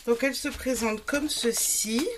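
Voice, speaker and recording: Chatty woman with a higher voice. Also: a little slow, background noise. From Italian family background. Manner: chatty, frequent fillers. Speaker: craft vlogger. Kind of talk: casual product haul chat.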